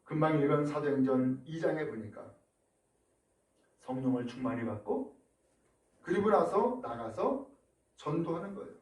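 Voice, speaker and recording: A male pastor preaching a sermon in a church, telling the story in a lively way and asking the congregation rhetorical questions. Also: fairly high pitch, normal speed, pauses often. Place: church sanctuary. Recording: echoey room from a distance.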